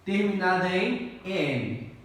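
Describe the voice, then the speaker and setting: A man's voice: high voice, expressive, slow, a bit bright. A male teacher giving an exam-prep grammar lesson, explaining step by step and often checking in with the class. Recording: echoey room, distant mic, faint noise.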